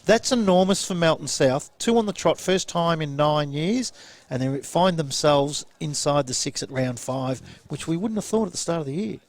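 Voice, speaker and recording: Brisk Australian male football commentator, higher voice. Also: expressive, no room sound. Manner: brisk and chatty, rattling off results and numbers. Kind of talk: post-match commentary chat.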